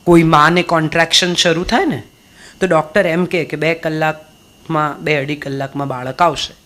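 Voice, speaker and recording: Her voice sits low and runs at normal speed as this middle-aged, Gujarati-accented woman gives a motivational speech to a live audience. She keeps things lively, mixing in storytelling and rhetorical questions.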